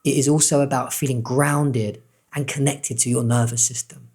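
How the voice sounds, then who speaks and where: Husky-voiced man guiding a breathing exercise. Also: mid-range voice, normal speed. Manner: calm, repetitive guiding instructions. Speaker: life coach.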